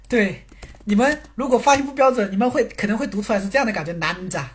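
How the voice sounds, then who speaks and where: A woman's voice: on the high side, expressive, fairly quick. A woman teaching a language in a casual livestream, chatty and teasing, talking straight to her viewers and laughing often.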